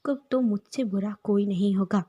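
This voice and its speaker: A woman's voice: medium pitch, moderate pace, dark tone, husky, lightly acted. Woman reading as a scornful angry young man. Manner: curt, harsh scolding. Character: angry cold teenage boy, scornful.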